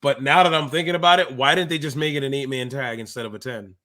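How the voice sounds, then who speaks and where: He's in his thirties, an active pro wrestler and co-host of a wrestling podcast, and his voice is bright and forceful at medium pitch. He talks fast and informally, using the slang of a wrestling insider in casual chat and commentary.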